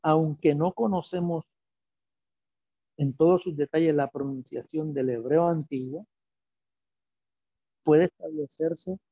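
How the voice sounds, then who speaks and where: Slow, husky-voiced man lecturing. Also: a little high, mellow, dry recording. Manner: slow, deliberate, explains step by step with rhetorical questions. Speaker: teacher. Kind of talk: lecture on biblical poetry. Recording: dull lo-fi recording.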